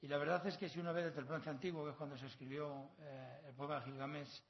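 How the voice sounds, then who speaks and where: Talking fast in a slightly high voice with flat delivery, a middle-aged Castilian-accented professor from La Mancha gives a conference lecture, discursive and learned, dropping proverbs and erudite digressions. Slightly dull, lo-fi audio captures him in a long hall.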